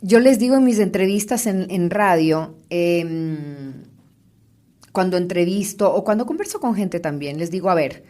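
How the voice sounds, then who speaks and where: A woman hosting an interview, talking in a chatty, lively way and adding her own views. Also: on the low side, measured pace. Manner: chatty, lively, talks with fillers and restarts. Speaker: interview host. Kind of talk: conversational interview.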